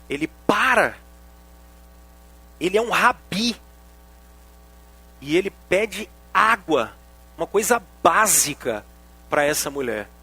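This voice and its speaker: A Brazilian man preaching a sermon as pastor, animated and joking, speaking straight to the congregation. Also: high voice, takes it slowly, gravelly, long pauses, husky, dry recording.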